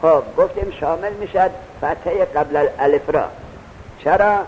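A man's voice: fairly high pitch, dull audio, slight background noise. A male teacher giving a classroom lecture, repeating each point and answering his own questions. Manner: asks questions and answers them himself.

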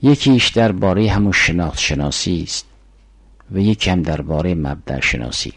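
A man's voice: sits low, expressive, fairly bright tone, husky, no room sound, poor audio. An older man giving a formal philosophy lecture, explaining arguments step by step and reciting Arabic syllogisms.

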